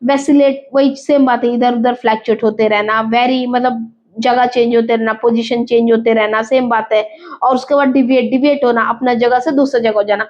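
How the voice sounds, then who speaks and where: A woman teaching an exam vocabulary lesson, explaining slowly, repeating words and asking and answering her own questions. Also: a little high, fairly even intonation, a little mellow, lo-fi sound. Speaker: English teacher.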